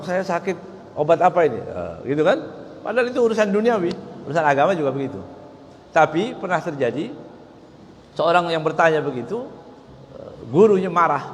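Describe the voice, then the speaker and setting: A man's voice: fairly high pitch, a little hiss or hum. Man, religious lecture, chatty, acts out quotes, long hall reverb. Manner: conversational, acts out quoted dialogue, frequent "ya". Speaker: religious teacher. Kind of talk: casual Islamic study lecture. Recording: echoey hall with faint ambience.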